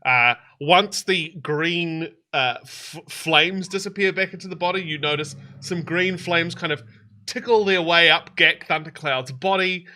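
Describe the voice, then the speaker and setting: Bright-voiced man narrating a tabletop game. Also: fairly high pitch, unhurried. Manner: rambling description with many fillers. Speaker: game master.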